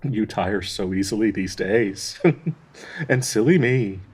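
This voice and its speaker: A man voices a gentle, devoted dryad tree spirit in an intimate audio roleplay, sounding anxiously hopeful. His breathy, lowish voice halts and stammers tenderly, broken by nervous soft laughs, with an uneasy, soft mood.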